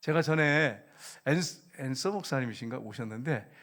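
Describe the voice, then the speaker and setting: A man's voice: mid-range voice, animated, normal speed, a bit bright. A man preaching a sermon as pastor, often turning to the congregation with questions. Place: church service.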